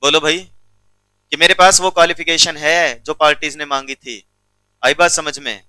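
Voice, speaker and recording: A man's voice: a little high, fairly even intonation, moderate pace, bright, forceful tone, no room sound, low-quality recording. A male teacher giving a classroom law lecture, keeps checking whether students follow and teases them sternly.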